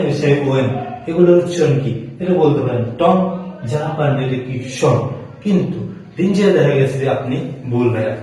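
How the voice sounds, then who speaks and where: A man's voice: fairly high pitch, mellow, very echoey, distant mic, rough recording. A man teaching spoken English pronunciation. He spells words out letter by letter and answers his own questions. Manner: repeats answers in call-and-response questions. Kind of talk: classroom lesson.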